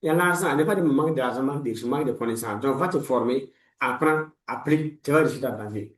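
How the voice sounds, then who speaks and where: A man's voice: mid-range voice, fast, roomy sound, far from the mic, low-quality recording. A man in his forties, a life coach giving a motivational talk in a preachy, repetitive way, full of blessings. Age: 40s. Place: room lined with books, indoors.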